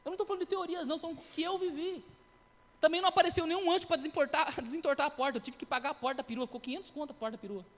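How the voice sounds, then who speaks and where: A man in his thirties giving a sermon testimony, telling his story in a lively way with acted-out quotes and sound effects. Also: very high voice, racing, big-room sound. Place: church.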